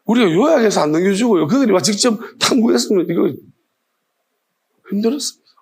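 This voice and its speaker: Man, pastor, sermon, high voice, husky, scolding rhetorical questions. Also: lively intonation, fast, darkish tone.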